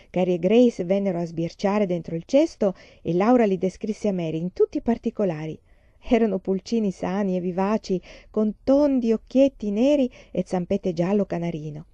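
A woman reading a novel aloud in a calm, even storytelling voice. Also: medium pitch, dry recording, dull audio. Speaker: reader. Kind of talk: audiobook reading.

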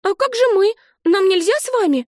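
A woman voicing an excitable, lively little girl who talks in an eager, high, bright way. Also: moderate pace, dry recording, studio quality. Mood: upset.

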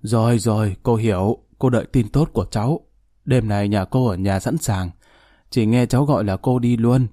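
A stern, commanding older mother, as a male storyteller reads her. She talks in curt, decisive orders. The tone is mellow and dark, with a dry, close sound. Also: lowish voice, moderate pace, no echo, natural voice. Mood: confident. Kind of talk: storybook reading.

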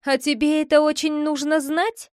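A secretive girl teases her brother with coy, lightly scolding answers, as a woman reader puts her on. Her voice sits high, the recording dry and close. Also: flat delivery, moderate pace, a little mellow, no echo, natural voice. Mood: teasing. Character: teasing secretive young girl.

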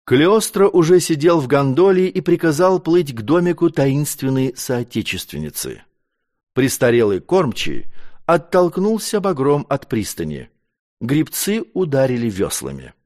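A man narrating an audiobook with an expressive reading. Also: mid-range voice, measured pace. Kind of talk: scripted narration.

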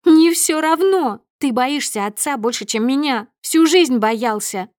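A woman reading an audiobook voices a furious, spiteful young wife. She shrieks high and loud, then drops to a venomous hiss. The sound is dry and close, with no room around it. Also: animated, unhurried, no echo. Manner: shrieking, hissing threats. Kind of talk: audiobook character voice.

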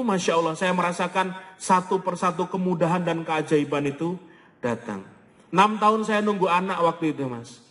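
A man gives a motivational sermon in a high, bright-pitched voice. He tells stories animatedly and acts out quoted lines. His voice carries a long reverb from a large hall. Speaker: motivational preacher. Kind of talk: motivational talk to an audience.

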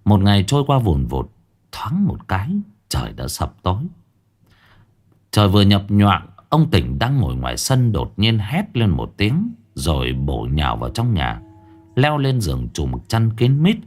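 A man's voice: sits low, huge pitch swings, a little slow. A man narrating a ghost story dramatically. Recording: faint background music.

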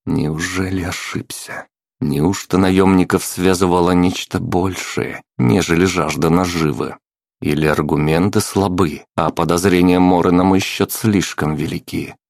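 A man reading a dark first-person story in an even, measured way. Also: low-pitched, creaky, no room sound, clean studio sound. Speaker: audiobook narrator. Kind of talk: scripted first-person narration.

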